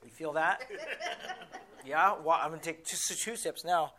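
A middle-aged man giving a motivational talk, telling personal stories with lively swings from quiet asides to loud acted quotes. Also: a little high, moderate pace. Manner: animated storyteller, shouts in acted quotes, drops to quiet asides.

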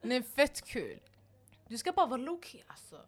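Lively, excitable young woman. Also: high-pitched. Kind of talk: casual group chat.

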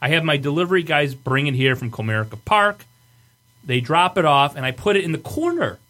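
A man with a Michigan accent tells stories as a casual podcast host. His voice sits a little high and moves around a lot in pitch. He swears freely and sounds exasperated. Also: big pitch swings, brisk, pushed and bright. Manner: profane, exasperated storyteller. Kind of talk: casual storytelling banter.

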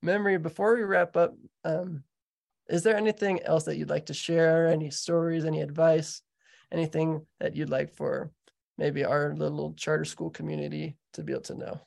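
A man's voice: fairly high pitch, normal speed, gravelly, darkish tone. A man with an American accent, chatting casually as he hosts an interview podcast. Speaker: podcast host.

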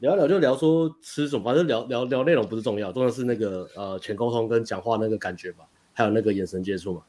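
A young man with a lowish voice tells a story at a fast clip. He is a dating coach in a casual chat, rambling and restarting sentences as he recounts what happened. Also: warm tone. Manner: rapid, rambling retelling with frequent restarts and laughs.

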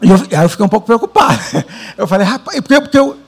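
A man from Brazil preaching a sermon, telling his own story with dramatic pauses and animated delivery. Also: high-pitched, vocal fry, slightly rough. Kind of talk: sermon with personal testimony.

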